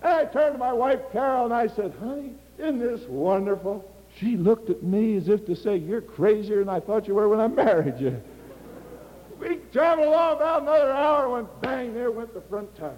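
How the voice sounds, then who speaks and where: A man's voice: very high-pitched, expressive, normal speed, big-room sound, muffled recording. An older man, a missionary preacher, telling stories in a sermon and acting out the dialogue with animation. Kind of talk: sermon with personal storytelling.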